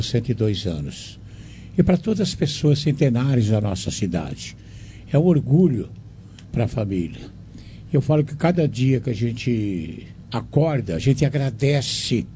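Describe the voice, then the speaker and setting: Older Brazilian radio host, mellow voice. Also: male voice, medium pitch, a little hiss or hum. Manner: chatty, fond, preachy asides. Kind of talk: radio talk show.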